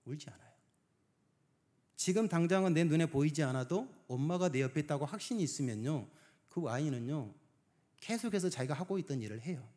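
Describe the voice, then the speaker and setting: Man preaching with a lively pitch. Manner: swings between hushed near-whispers and loud emphasis, many rhetorical questions. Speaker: pastor. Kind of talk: sermon.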